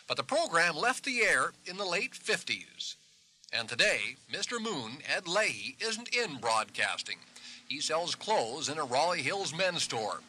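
A man narrating a television feature as a field reporter, measured and wry. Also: on the high side, bright, forceful tone, slightly rough, low-quality recording. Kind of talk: scripted narration.

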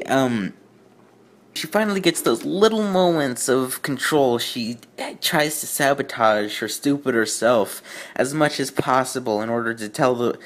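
Speaking in a mid-range voice, a man runs a fan fiction reading and mocks it casually as he goes. His delivery is sardonic, with halting starts and repeated words.

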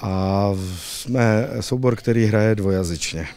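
A man in his thirties giving an on-camera interview in a halting way, searching for words, into a handheld microphone. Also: on the low side, a little mellow, smooth. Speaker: puppet theatre director being interviewed. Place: indoors, on a theatre stage.

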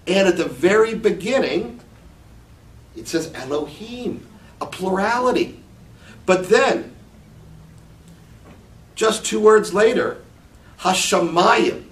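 Slow, lively-voiced man teaching scripture. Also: high voice. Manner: slow, reflective, explaining Hebrew words. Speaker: Bible teacher. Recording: echoey room, mic at a distance, faint background noise.

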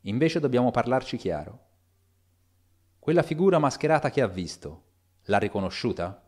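A cautious, dutiful middle-aged lawyer, read by a man in an audiobook. He reasons aloud in a measured, deliberate way. His voice sits at an ordinary middle male pitch. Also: animated, darkish tone, close to an everyday voice. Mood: resolute.

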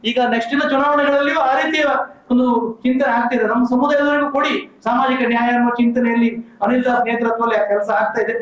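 A man with a very high speaking voice makes an earnest, persuasive appeal, reeling off names and numbers. He sounds far from the mic in a very echoey room, and the recording is dull and muffled. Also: fairly even intonation, fast talker. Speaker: community organizer speaking at a press meet. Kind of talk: formal public appeal.

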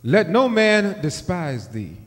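A man in the pews answers the preacher, reading scripture back in a slow, lilting voice. His words carry across a long-ringing church hall. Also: sits high, sing-song. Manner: answering the preacher with short affirmations and read-aloud verses. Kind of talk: church call and response. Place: church sanctuary.

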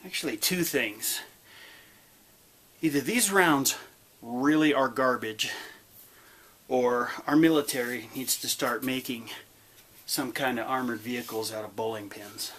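The host, a man in his forties, has a mid-range, husky voice with a fairly bright tone, speaking unhurriedly with long pauses. He talks casually and plainly to a camera close by for his vlog, first in a yard and later in an indoor workshop.

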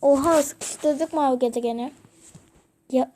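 A woman's voice: high-pitched, a little slow, mellow. A young woman casually commenting as she plays a game, chatting playfully to her viewers and the characters. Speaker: gaming video creator.

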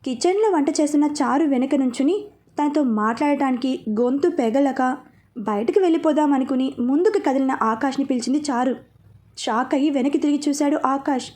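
A woman narrating a scripted story in a steady, expressive way. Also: high-pitched, fairly quick.

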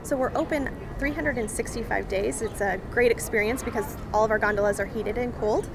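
A young woman talks up an attraction in an upbeat interview, dropping little ums as she goes. She stands on an outdoor waterfront plaza, and clear outdoor noise runs under her voice. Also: a little high, a little fast. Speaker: marketing director interviewed as guest. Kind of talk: promotional interview.

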